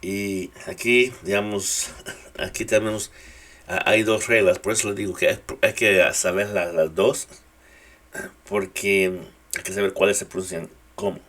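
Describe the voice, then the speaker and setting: A man teaching English pronunciation to other speakers in a relaxed, casual way, repeating each example word slowly. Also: deep voice. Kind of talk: casual spoken English lesson.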